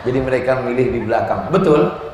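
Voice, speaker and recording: A man's voice: medium pitch, quick pace. A man preaching to a large crowd at an outdoor gathering, asking the audience questions, chanting Arabic phrases and joking between points. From Indonesia. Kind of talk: lively sermon to a crowd. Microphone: loud sound system. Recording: very echoey, reverberant, slight noise.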